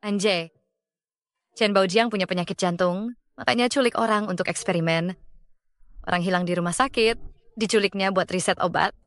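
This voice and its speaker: A woman doing a remorseful young girlfriend, soft, pleading, mid-pitched, dubbed drama. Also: normal speed, pauses often, dry recording, close to an everyday voice. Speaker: dean's girlfriend.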